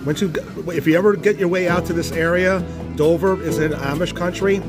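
A man's voice: high voice, steady tone, a little fast, over music. A man hosting a casual food-review vlog, chatting and rambling while he eats at a buffet restaurant. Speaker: vlog host. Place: buffet restaurant, then outdoors.

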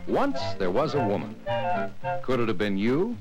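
A man narrating a scripted ad in a brisk, singsong announcer delivery, in the sound of a 1950s TV commercial broadcast. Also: mid-range voice, wildly swooping pitch, low-quality recording. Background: loud music.

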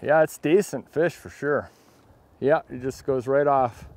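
A man's voice: mid-range voice, a little slow, darkish tone. A middle-aged man hosting a fly fishing vlog outdoors on a river, casual and jokey, exclaiming when a fish strikes. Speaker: fly fishing channel host.

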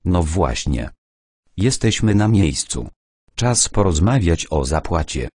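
A man voicing a big, gruff middle-aged father in an audiobook, talking bluntly. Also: low voice, very animated, slow pace, darkish tone, no room sound, studio quality, full character voice.

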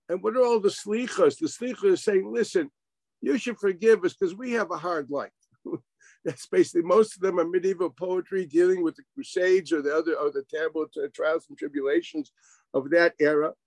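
A man's voice: high-pitched, gravelly, a little mellow, no room sound, rough recording. A man teaching an informal Torah class over a video call, wry and sarcastic, firing rhetorical questions and sprinkling in Hebrew and Yiddish terms.

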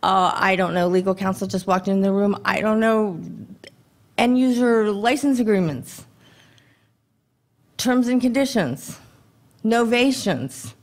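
A woman in her thirties speaks into a podium microphone at a conference. Her delivery is brisk and conversational, with rhetorical questions to the audience. Her voice sits in a middle pitch range. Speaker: government contracting presenter. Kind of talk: conference presentation. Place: dim conference hall.

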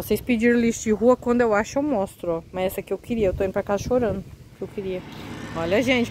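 A woman's voice: medium pitch, dark tone, slight background noise, rough recording. A woman, chatting eagerly to her viewers while she shows things outdoors on a street. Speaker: vlogger. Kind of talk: casual vlog walkthrough.

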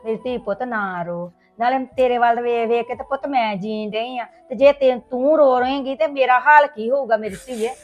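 A woman's voice: fairly high pitch, normal speed, hardly any pauses, dull audio, natural voice. A protective, loving mother played by a middle-aged woman coaxes and soothes. Faint music plays behind her. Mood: soothing. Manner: soothing, coaxing, fussing tenderly. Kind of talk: family drama acting.

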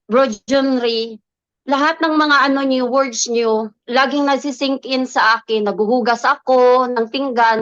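Earnest high-voiced woman sharing testimony. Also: a bit bright, no room sound. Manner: earnest, mixes Tagalog and English, acts out quoted dialogue. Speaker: guest giving a testimony. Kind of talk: personal faith testimony, casual storytelling. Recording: slightly dull lo-fi, dry sound.

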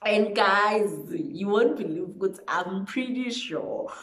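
A young South African woman telling a story casually to camera in an animated, emphatic, chatty way, switching between languages. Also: mid-range voice, takes it slowly. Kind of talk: casual storytelling to camera, mixing English and Zulu. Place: small living room, indoors. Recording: echoey untreated room.

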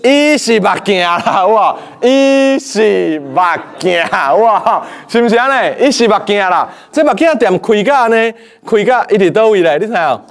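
High-voiced playful male teacher. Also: fairly quick. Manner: lively, playful, quizzing the class. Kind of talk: lecture to a class. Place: classroom.

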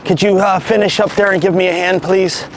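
A man's voice: high-pitched, steady tone, a little fast, background noise. A middle-aged man pulling a street prank, pleading and overly grateful as he begs strangers for help outdoors.

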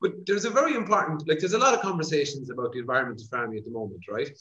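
A man's voice: on the high side, racing, a bit bright. A man hosting a casual interview, speaking conversationally with fillers like "like" and "uh". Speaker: podcast host, vet. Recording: echoey room.

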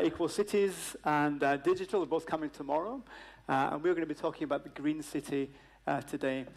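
Male moderator, 50s, slightly high voice, chatty with fillers and asides, on a large conference stage. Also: poor audio. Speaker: panel moderator. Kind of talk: live event moderation.

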